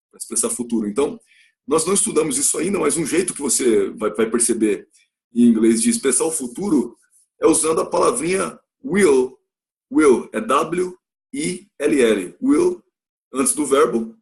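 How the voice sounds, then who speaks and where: Patient, slightly high-voiced Brazilian man teaching. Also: darkish tone. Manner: explains patiently, repeats phrases and checks in with rhetorical questions; acts out example sentences with a raised pitch. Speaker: English teacher. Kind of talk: recorded classroom lesson.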